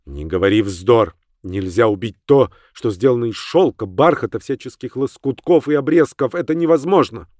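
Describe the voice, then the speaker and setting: A man's voice: medium pitch, expressive, normal speed, hardly any pauses, darkish tone, no echo, clean studio sound, close to an everyday voice. A man voicing an agitated older woman who talks with urgent, emphatic pleading. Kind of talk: audiobook character voice.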